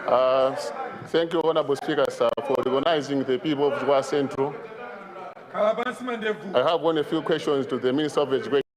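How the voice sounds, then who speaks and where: A man's voice: medium pitch, steady tone, brisk, long pauses, rough recording. A man with a Malawian accent formally putting questions in parliament as a member. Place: parliament chamber. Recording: clear crowd murmur behind.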